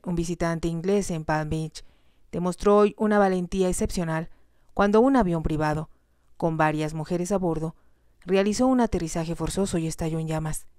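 A woman narrating a romance novel aloud in a soft, steady reading voice. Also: fairly low pitch, no echo, clean studio sound. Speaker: storyteller.

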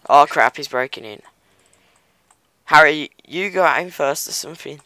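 A man's voice: a little high, normal speed, sharp tone, no room sound. A young man co-hosting a gaming video, joking and teasing in casual slangy chat.

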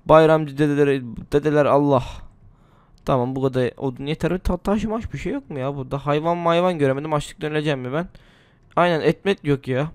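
A man's voice: fairly high pitch, quick pace, smooth, no room sound. A man, a gaming channel host, chatting casually and rambling to himself as he plays a survival game, a little under the weather. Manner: chatty, rambling, talks to himself while playing. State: slightly ill. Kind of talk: casual gameplay commentary.

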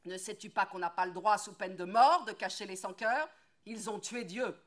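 A woman's voice: medium pitch, moderate pace, pitched above the performer's own voice, lightly acted. A woman reading aloud and voicing a harsh, fearful male woodcutter who roars his accusations. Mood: furious. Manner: roaring, loud and accusing.

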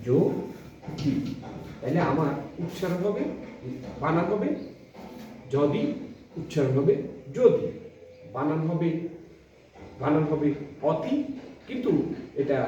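A man with a Bangladeshi Bengali accent, a college lecturer teaching pronunciation, speaking deliberately in short halting phrases and repeating example words slowly. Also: on the high side, mellow. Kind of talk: spoken classroom lesson. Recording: echoey room, distant mic, dull sound.

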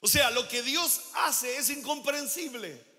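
A man preaches a sermon in a large church hall, his voice high and bright. He swings between loud, emphatic declarations and quiet asides. A long reverb trails each line. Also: animated, measured pace, soft background music. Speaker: pastor.

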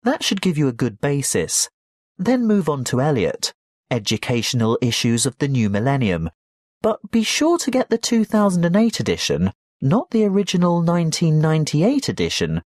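A man playing a helpful university tutor in a scripted educational dialogue, advising clearly and instructively. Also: on the high side, very animated, normal speed, no echo, clean studio sound. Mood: helpful, advisory.

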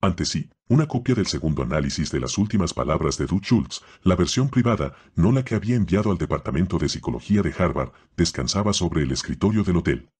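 A man narrating an audiobook in a steady, unhurried storytelling manner. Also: low voice, breathy edge.

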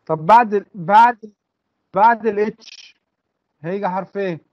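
An Egyptian Arabic-accented man with a high voice speaks at a moderate pace while guiding children through English letters online. He patiently repeats each sound for his pupils to echo, and his computer mic gives the audio a dull sound.

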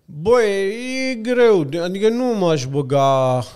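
A man chats as a podcast guest, spinning animated anecdotes between frequent filler sounds. His voice sits somewhat high and comes across smooth and resonant. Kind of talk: casual storytelling chat.

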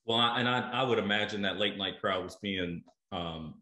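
A middle-aged man who hosts a food show interviews a guest over a video call, his voice fairly low, pushed and bright, at a normal speed. He thinks aloud, using lots of fillers and repeating words. He's on earbuds, and the call audio sounds roomy.

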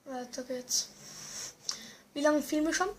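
A young gamer giving excited commentary, exclaiming often and muttering to themself. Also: sits high, unhurried, a little hiss or hum. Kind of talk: excited let's-play commentary.

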